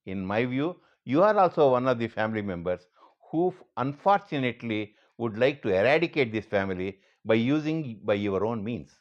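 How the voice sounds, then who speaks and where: Indian guy doing a measured scripted monologue, mid-pitched voice, kinda muffled recording. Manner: earnest, measured, direct second-person address. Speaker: monologue speaker. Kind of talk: scripted monologue addressed to a politician.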